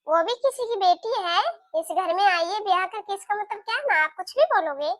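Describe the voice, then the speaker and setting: A woman's voice: extremely high pitch, fairly quick, fairly bright tone, no echo, clean studio sound. Woman voicing a caring young daughter in a cartoon. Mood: earnest. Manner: earnest, pleading. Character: caring young married daughter visiting home. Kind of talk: cartoon voice acting.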